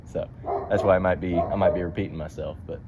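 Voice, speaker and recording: A vlogger with a deep, steady voice talks a little fast to camera in and around a truck, rambling about his vehicle in a laid-back, meandering, folksy way. His grammar is colloquial, with phrasing like "ain't" and "them." The lo-fi audio sounds dull, with vehicle noise and car and outdoor ambience behind him.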